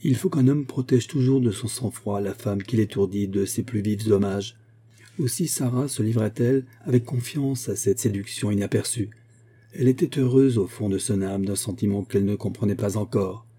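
Male audiobook narrator, husky and mellow, measured literary reading. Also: on the low side. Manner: measured, expressive reading with dialogue voiced. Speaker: audiobook reader.

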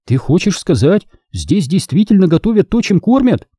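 A man voicing a hot-tempered teenage girl Jedi apprentice in an audiobook, quick to argue and indignant. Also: sits high, very animated, dark tone, husky, no room sound, clean studio sound, voice pushed up, heavily acted. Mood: teasing. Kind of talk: audiobook character voice.

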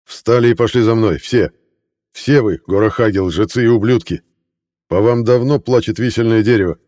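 A werewolf knight snarls threats and orders in a loud, rough voice, as a man reads him aloud. The tone is dark under all the force. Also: on the low side, fairly quick, lightly acted. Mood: furious. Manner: growling, loud, contemptuous. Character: harsh werewolf knight, commander of guards. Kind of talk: audiobook character voice.

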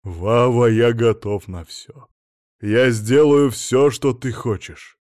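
A man's voice: mid-range voice, animated, a little fast, a little mellow, dry recording, clean studio sound, natural voice. A man reading an audiobook, voicing a henpecked rich husband who pleads with his wife. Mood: pleading. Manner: pleading, emphatic.

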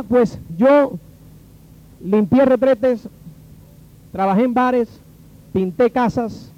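A man's voice: high voice, muffled recording. A man from Cuba with a Cuban Spanish accent, telling a personal story and acting out the voices of the people in it. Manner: animated, acts out the dialogue of the people in his story.

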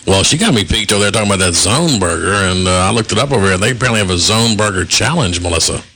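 A man co-hosting a local radio show, bantering in a quick, playful way. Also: lowish voice, animated, pushed and bright, breathy edge. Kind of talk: casual radio chat.

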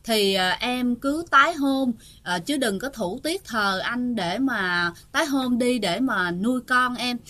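Brief: gentle young man on his deathbed in a spoken ghost tale, read by a woman, bright voice. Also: on the high side, lively intonation, measured pace, few pauses. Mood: tender. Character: dying young husband, gentle and caring.

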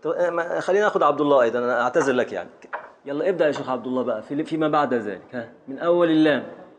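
Egyptian male sheikh, classroom teacher, mid-pitched voice, patient, calls on students by name. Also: racing. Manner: patient, scans verse aloud syllable by syllable and calls on students. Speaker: sheikh teaching Arabic grammar and prosody. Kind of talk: classroom lesson.

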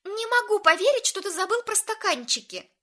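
Woman putting on a shrill touchy young woman. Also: big pitch swings, slow, full character voice. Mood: indignant. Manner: sharp and reproachful.

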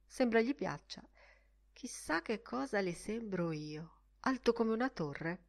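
A woman reading the lines of a middle-aged man who muses and gently teases his cat, in an audiobook. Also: mid-range voice, animated, slow pace, gravelly, pitched above the performer's own voice. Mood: musing. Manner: musing, mildly teasing, conversational.

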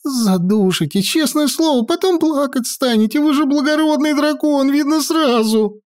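A woman voicing a jittery, cowardly male sorcerer who pleads and frets in a high, whining patter. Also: expressive, moderate pace, a little mellow. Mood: fearful pleading.

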